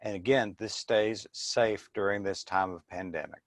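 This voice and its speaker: Male business presenter, slightly low voice, dry close sound, informal and explanatory. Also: steady tone, moderate pace, no echo.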